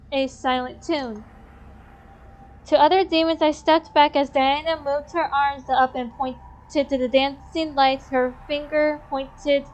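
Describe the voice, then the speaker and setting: Young female streamer, high voice, expressive narration, blunt asides. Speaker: game streamer. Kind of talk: reading a visual novel aloud.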